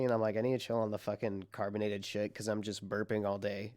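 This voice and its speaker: Young man, podcast co-host, tired strained voice, rambling casual talk, lowish pitch. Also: a little mellow. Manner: loose and rambling, laughs and swears often. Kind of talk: casual chat.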